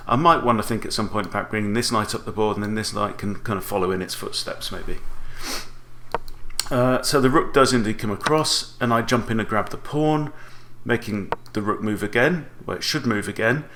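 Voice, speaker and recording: A man's voice: fairly low pitch, moderate pace, fairly bright tone, slight background noise. A man in his forties giving explanatory chess commentary as an instructor, talking through options with rhetorical questions.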